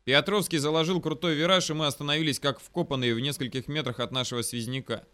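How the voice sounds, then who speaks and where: A man narrating a military story in the first person for an audiobook, brisk and vivid. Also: on the high side, steady tone, a bit bright, clear, resonant tone.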